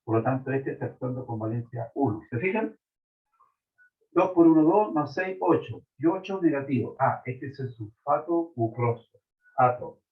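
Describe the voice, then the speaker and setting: A man's voice: medium pitch, animated, moderate pace, slightly rough, faint music behind. A man teaching a chemistry class online, explaining step by step and checking in with his students. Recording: tinny phone-like line.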